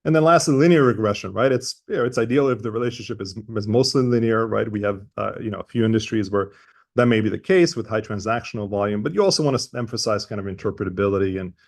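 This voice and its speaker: A man's voice: on the low side, quick pace, gravelly. A man with an Eastern European accent presenting an informal explanatory webinar, speaking hesitantly and often checking in with "right?".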